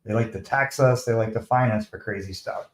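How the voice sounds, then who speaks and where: A Canadian man hosts a live hockey stream in an echoey room, commenting on the game and answering chat. His fairly low voice runs fairly quick, casual and chatty but defensive.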